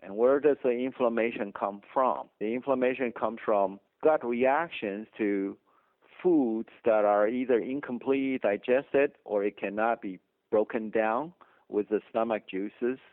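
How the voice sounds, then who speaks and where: A middle-aged Taiwanese dentist with a Taiwanese accent talks a little slowly in a mid-range voice, with no room sound. As a guest in an interview conversation, he explains things emphatically and chuckles often, over a dry, tinny phone line.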